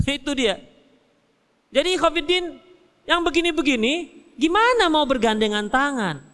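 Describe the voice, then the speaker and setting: High-voiced Medan Indonesian preacher, lively and jokey. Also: male voice, moderate pace. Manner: lively, jokey, acts out little dialogues. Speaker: Islamic preacher. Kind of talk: religious study lecture with Q&A. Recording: hall reverb.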